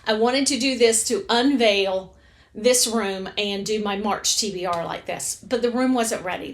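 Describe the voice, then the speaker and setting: A middle-aged woman chatting casually to camera from her home reading room, rambling and correcting herself as she goes. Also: medium pitch. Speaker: book vlogger.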